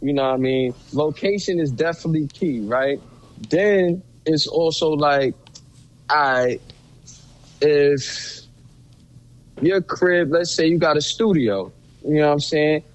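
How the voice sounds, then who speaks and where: A man's voice: a little high, unhurried, pauses often, rough recording. A man from Brooklyn, a guest telling casual, streetwise stories with plenty of swearing. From Brooklyn, New York. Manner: laid-back, streetwise, profane. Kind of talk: casual storytelling chat.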